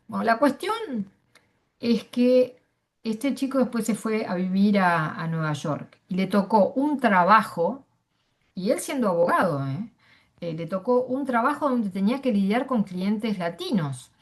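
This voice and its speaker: A middle-aged woman from Argentina with an Argentine Spanish accent, sharing personal views at a panel in a hesitant way, with many fillers and restarts. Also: mid-range voice. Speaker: panel speaker. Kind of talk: casual personal testimony.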